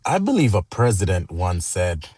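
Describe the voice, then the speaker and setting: A man giving crude, sarcastic commentary that builds into loud outrage. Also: low-pitched, very animated, normal speed, slightly rough, dry recording, studio quality. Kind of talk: ranting commentary.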